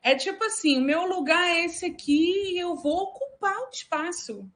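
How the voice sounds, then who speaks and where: A woman's voice: extremely high pitch, expressive, moderate pace, fairly bright tone. A woman, speaking with passion and emphasis as a panelist in a live discussion. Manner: impassioned, emphatic.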